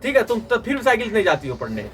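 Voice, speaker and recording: In a small classroom, a tuition teacher fires questions at his students and has them reply. He races along in a high, fairly bright voice with big pitch swings, caught from a distance on a phone amid slight background noise.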